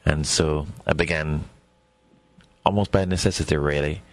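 Speaking in a radio interview, a Jamaican scholar with an extremely deep, low voice recounts stories in an unhurried, reflective manner, as though turning each thought over while he talks. His intonation is fairly even, and the recording is dry.

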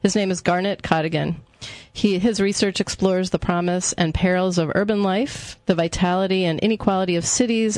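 A woman hosting a radio interview, friendly and easygoing, with a slightly halting way of asking her questions. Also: on the low side, a little mellow, no room sound. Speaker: radio host.

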